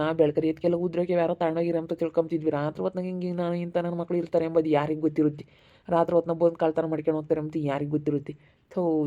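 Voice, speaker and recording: Lady narrating, deep flat voice, rattles along fast, tinny phone sound. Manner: scolding, rapid. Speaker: channel narrator. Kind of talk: casual commentary.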